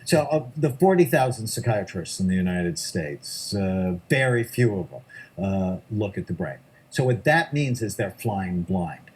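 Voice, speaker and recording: This psychiatrist guest is a middle-aged man with a low-sitting, animated voice that moves at an unhurried pace. There's a slightly mellow, breathy edge as he responds to interview questions with emphasis, frequently laying out points in brief lists.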